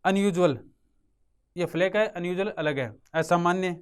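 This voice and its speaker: A man's voice: sits high, moderate pace, smooth. A man with a Rajasthani Hindi accent teaching an English vocabulary class for exam prep. He repeats each word and asks and answers his own questions, recorded on a close mic in a classroom or studio with a writing board.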